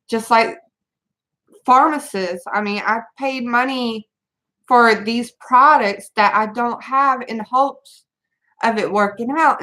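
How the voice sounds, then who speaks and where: A mother of three venting to her camera, halting and rambling with many restarts as she holds back tears. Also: a little high, bright, forceful tone, low-quality recording. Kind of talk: tearful personal venting to camera.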